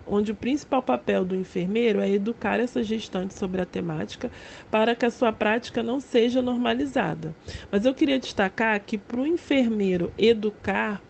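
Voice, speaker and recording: A Brazilian woman in her late thirties, a nurse, explaining her field in a measured, instructive way. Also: a little high, creaky, darkish tone, slight background noise. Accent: Brazilian Portuguese. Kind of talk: explanatory interview.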